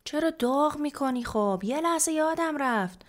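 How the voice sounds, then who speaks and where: A woman voicing a careless, cheeky teenage brother in a storybook reading, high and drawling. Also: steady tone.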